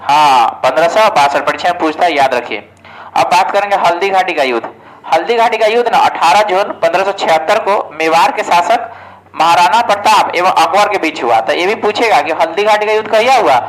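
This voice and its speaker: A man's voice: sits high, a little fast, a little hiss or hum, low-quality recording. A man giving a casual exam-prep history lesson, asking questions and answering them himself. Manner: asks questions and answers them himself, often says "ठीक है". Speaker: exam coaching teacher.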